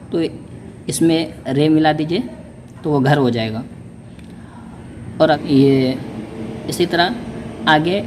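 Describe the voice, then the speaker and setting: A man teaching how to read Urdu letters, sounding out each one slowly and patiently, often checking in with "okay". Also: fairly high pitch, background noise. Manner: repeats "ठीक है" to check understanding. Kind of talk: spoken lesson on reading Urdu letters.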